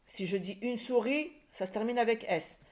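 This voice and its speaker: A woman's voice: a little high, normal speed, a little mellow. A woman teaching young children to read, sounding out words syllable by syllable and repeating them. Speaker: primary school teacher. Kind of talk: reading lesson for young children.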